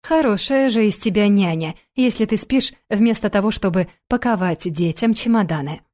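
A woman's voice: medium pitch, moderate pace, warm tone, natural voice. Woman doing a sneering blonde ex-wife. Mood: mocking. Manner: sneering, sugary, condescending. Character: scornful mocking blonde ex-wife and mother.

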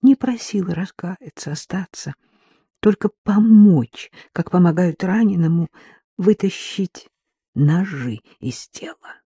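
A woman narrating a literary novel in a measured, emotional way, slowing on key phrases. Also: lowish voice, animated, mellow, husky, no echo. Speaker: audiobook narrator.

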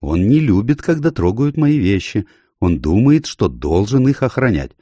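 A man's voice: lowish voice, very animated, moderate pace, warm tone, slightly rough, no room sound, pitched above the performer's own voice. A man voicing a weary, tender young woman who speaks in an affectionate, pleading way.

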